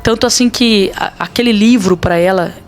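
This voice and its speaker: A woman's voice: medium pitch, normal speed, soft background music. Brazilian woman pastor telling a story. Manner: earnest, dramatic storytelling with quoted dialogue. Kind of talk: personal testimony in a podcast interview.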